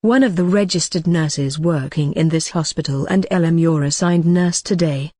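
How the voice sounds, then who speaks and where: A woman playing a reassuring ward nurse in a scripted role-play, speaking gently, calmly and rather formally. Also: low voice, moderate pace, no room sound, clean studio sound. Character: reassuring female ward nurse counselling a patient. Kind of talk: scripted role-play dialogue for exam practice.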